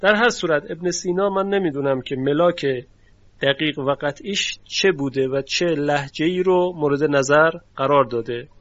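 A man's voice: on the high side, fairly bright tone. A man teaching the phonetics of Quranic recitation in a formal, courteous lecture, explaining and demonstrating sounds aloud. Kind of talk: recorded lecture. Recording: dry, dull lo-fi recording.

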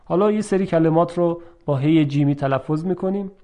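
A man teaching Arabic pronunciation, drawing out example words slowly and clearly, then explaining them quickly in between. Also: fairly high pitch, warm tone. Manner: clear, careful articulation. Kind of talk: language lesson.

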